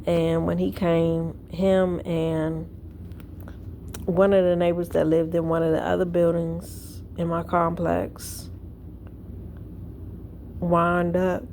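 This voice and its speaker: Tired woman rambling slowly. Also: fairly low pitch, flat delivery, a little mellow, a little hiss or hum. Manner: tired, yawning, rambling storytelling. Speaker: vlogger. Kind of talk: casual chat to camera. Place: at home indoors.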